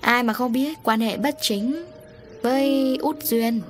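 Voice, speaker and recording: A woman's voice: on the high side, takes it slowly, a little hiss or hum, pitched above the performer's own voice. A woman voicing a scheming, brazen middle-aged woman who taunts her relative in a storybook reading. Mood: mocking. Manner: mocking, insolent.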